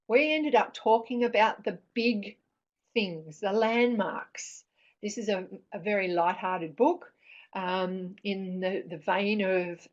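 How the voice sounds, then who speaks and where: A middle-aged woman speaks at an average pitch as she presents informally. Her phrasing is thoughtful and hesitant, with frequent pauses and restarts as she explains. The recording is dull and somewhat lo-fi. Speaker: presenter on parents reading with children. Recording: dull, lo-fi sound.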